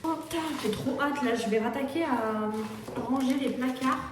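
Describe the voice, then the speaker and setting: Vlogueuse française expressive, voix un peu aiguë, bavarde maternelle en cuisine. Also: female voice, high-pitched, normal speed, noisy background. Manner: expressive, indignant ranting, sing-song talk to her baby. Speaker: vlogger, mother. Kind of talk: casual vlog chat. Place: home kitchen.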